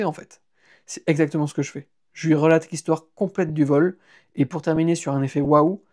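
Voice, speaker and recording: A man narrating a humorous novel in the first person on a live stream, lively and playful, stopping for chatty asides to listeners. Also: on the high side. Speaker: audiobook reader and author.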